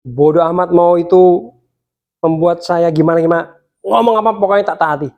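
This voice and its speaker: A man preaching to young people, telling a personal story with lively swings between excited and hushed delivery. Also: sits high, normal speed, dull audio. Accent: Indonesian.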